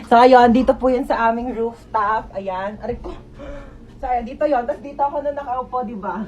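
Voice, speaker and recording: A woman's voice: a little high, fairly quick, darkish tone, a little hiss or hum. A young woman doing comedy sketches in a playful way, switching between characters. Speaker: comedy skit creator. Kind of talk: comedic skit acting. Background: music.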